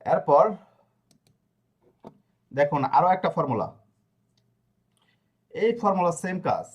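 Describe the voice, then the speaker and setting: A man's voice: a little high, sing-song, slightly rough, dull audio. A man teaching a grammar lesson to a class, explaining step by step and often asking if students follow. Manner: explanatory, checks understanding with frequent questions; spells out verb endings slowly. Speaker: language teacher.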